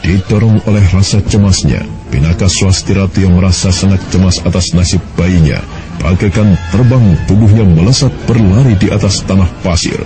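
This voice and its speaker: A man narrating a radio drama in a calm, measured storytelling voice. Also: deep voice, music in the background.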